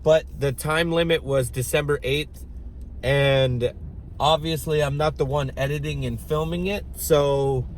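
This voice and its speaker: A man in his thirties ranting casually to camera as a vlogger, slow and rambling, with frequent swearing and throat-clearing. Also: a little high, steady tone, a little hiss or hum, poor audio. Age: 30s.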